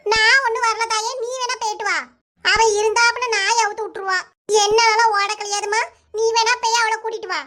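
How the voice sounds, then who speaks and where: A woman's voice: very high-pitched, fairly even intonation, normal speed, pushed and bright. A woman voicing a sly, timid village gossip in a cartoon, wheedling and evasive in Kanyakumari Tamil. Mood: whiny.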